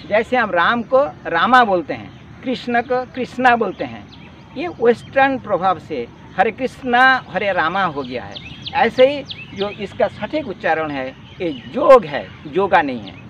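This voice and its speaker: A man's voice: sits high, sing-song, measured pace, a bit bright, recorded from a distance. A man teaching a spoken lesson on yoga in an earnest, explaining way, repeating key words. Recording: dull lo-fi sound with faint outdoor noise, off-mic.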